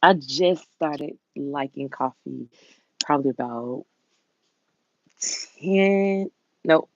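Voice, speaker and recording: A woman with a Southern US accent and a folksy, drawn-out drawl, chatting casually with viewers as a livestream host. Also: sits low, no echo, muffled recording. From southern United States.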